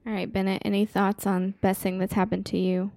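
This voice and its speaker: A middle-aged woman hosting a casual family podcast, asking her kids questions in a gentle, upbeat way. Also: mid-range voice, flat delivery, a little fast, vocal fry, no echo, studio quality.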